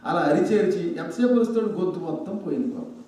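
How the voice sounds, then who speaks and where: A man giving a religious storytelling sermon into a microphone, lively and full of humorous asides. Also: sits high, very fast, slight background noise. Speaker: religious discourse speaker. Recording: very echoey hall, distant mic.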